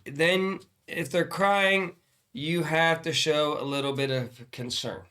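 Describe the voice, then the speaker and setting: An older man plays the grumpy old man as he hands out casual, comic advice. His voice is fairly high for a man, with a bright, forceful edge. He is blunt and mock-stern. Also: slow pace. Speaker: podcast host giving advice as a grumpy grandpa. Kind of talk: casual comedic advice chat.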